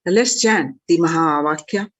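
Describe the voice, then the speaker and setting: A woman presenter giving a scripted announcement and then leading a guided meditation in a slow, measured, reverent way. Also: deep voice, low-quality recording.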